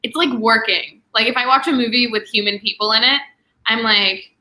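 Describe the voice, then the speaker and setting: A young booktube host with a fairly high, sharp voice chats casually through a livestream book discussion. She fills her speech with "like" and darts into quick asides.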